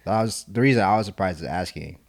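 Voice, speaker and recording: Deep and gravelly, this young podcast co-host talks fast in a casual chat, wandering off track and filling gaps with fillers and restarts. He's a concrete estimator by trade.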